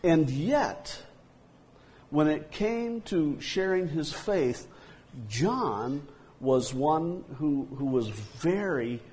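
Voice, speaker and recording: Male preacher, sermon, slow delivery, halting, lots of fillers, hushed quotes. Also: fairly high pitch, expressive. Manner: hesitant, many "uh" fillers and restarts; drops to a soft hush for quotes.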